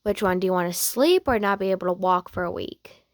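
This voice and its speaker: Woman voicing Kenma, hushed sleepy teasing boyfriend. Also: lowish voice, dry recording, studio quality, lightly acted. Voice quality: hushed, breathy, often half-whispered. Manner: slow, intimate, teasing murmur.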